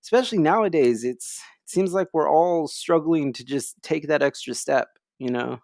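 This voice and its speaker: Male co-host, relaxed casual chat, somewhat raised pitch, dry room. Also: normal speed, vocal fry, dry recording. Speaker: podcast co-host.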